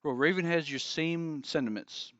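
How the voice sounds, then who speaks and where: Smooth-voiced man telling a story casually. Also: a little high, normal speed, a bit bright, no room sound. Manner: storytelling, acts out wrestler quotes. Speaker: podcast co-host narrating a fantasy match. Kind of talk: casual chat. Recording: slightly dull lo-fi sound.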